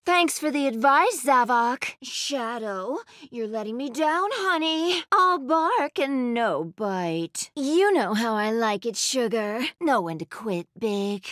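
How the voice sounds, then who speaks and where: Female bat game racer, high-pitched, unhurried, smug, sultry, flirtatious taunts. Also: sharp tone, no echo, studio quality, heavily acted. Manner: sultry, taunting, pet names like sugar and honey. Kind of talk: video game character voice lines.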